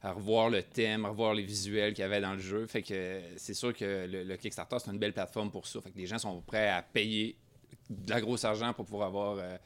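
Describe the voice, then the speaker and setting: A low-voiced Québécois man speaks as a podcast guest on board games. He talks softly and hesitantly, padding his thoughts with fillers, in an easy conversational tone. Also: little pitch movement, fairly quick. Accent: Québécois French. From Lac-Saint-Jean, Quebec. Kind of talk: casual podcast chat.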